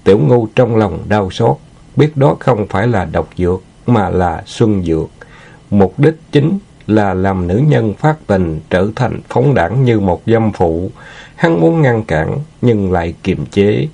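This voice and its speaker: Guy reading a martial arts novel out loud, husky and gravelly, steady pace. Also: lowish voice, takes it slowly. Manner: steady storytelling. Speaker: audiobook narrator.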